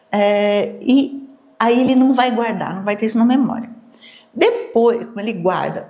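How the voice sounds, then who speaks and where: A woman with a Brazilian accent giving a live neuroscience lecture to an audience. She explains in a lively way and acts out everyday dialogues in quoted voices. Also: fairly high pitch.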